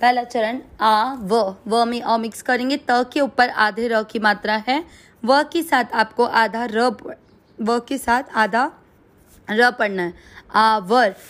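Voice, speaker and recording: A woman with a Hindi accent teaching Sanskrit pronunciation, breaking words into syllables and drilling them slowly and carefully. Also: a little high. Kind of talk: pronunciation lesson.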